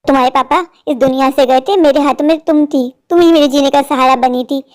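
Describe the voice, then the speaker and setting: Cartoon mom, woman voicing: widowed, protective, high and rushed. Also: fairly even intonation, a little mellow, lightly acted. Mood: stern. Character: worried loving widowed mother of two daughters. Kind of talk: cartoon storytelling.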